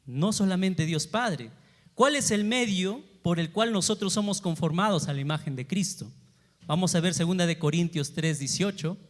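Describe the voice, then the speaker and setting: A man preaching a sermon, asking the congregation questions and moving between loud emphasis and quiet asides. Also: sits high, big-room sound. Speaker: pastor. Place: church sanctuary.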